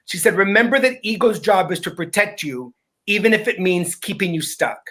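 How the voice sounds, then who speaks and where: A man's voice: high-pitched, expressive, normal speed, a bit bright. A man speaking as a guest in a conversational talk, earnest and emphatic, often repeating words as he starts a sentence.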